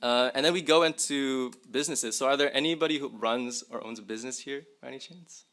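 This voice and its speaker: Brisk and fairly bright, this young man's medium-pitched voice carries through a university lecture hall as he presents at a symposium. The tech presenter demonstrates tools live and chats directly with the audience in a relaxed way.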